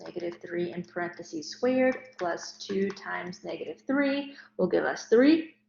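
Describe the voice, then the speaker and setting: A woman's voice: fairly low pitch, lively intonation, a little slow, creaky, darkish tone, a little hiss or hum. A woman teaching math in a recorded lecture, explaining each step. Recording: roomy, dull lo-fi recording.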